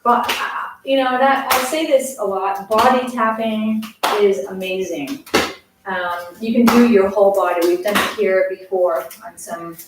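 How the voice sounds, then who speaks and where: A woman's voice: mid-range voice, a little slow. A woman with a Maine accent leading a casual exercise class in an easygoing, chatty, encouraging way. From Maine, USA. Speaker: morning workout instructor. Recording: very echoey, distant mic, faint noise.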